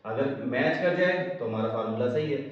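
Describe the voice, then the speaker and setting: A man's voice: medium pitch, animated, fairly quick. Echoey male teacher, distant, dull mic. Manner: asks the class questions and answers them himself. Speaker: chemistry teacher. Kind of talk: lecture to students.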